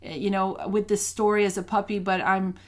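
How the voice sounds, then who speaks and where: A woman's voice: medium pitch, little pitch movement, fairly quick. Earnest woman telling a faith story. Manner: earnest, storytelling, many restarts. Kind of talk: casual faith talk with personal story.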